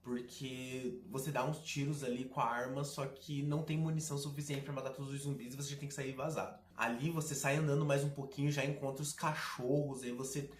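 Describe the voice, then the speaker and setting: A man's voice: medium pitch, a little fast, few pauses. Sarcastic man in a roomy echo. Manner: sarcastic, slangy, animated. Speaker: gaming video host. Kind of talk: casual game commentary.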